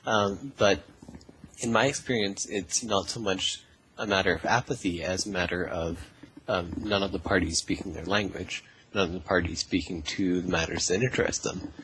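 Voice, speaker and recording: A man's voice: deep voice, fairly even intonation, normal speed, fairly bright tone, a little hiss or hum, poor audio. A man in his twenties answering interview questions thoughtfully, with many fillers. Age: 20s. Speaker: political party representative, guest.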